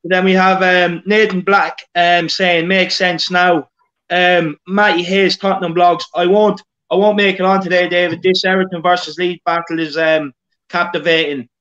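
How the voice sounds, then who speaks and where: An Irish man hosts a casual live football chat, reading out viewer comments with plenty of fillers, repeated words, and stammered restarts. His voice sits high and a bit bright, with little pitch movement and a normal pace. The recording has its highs cut off.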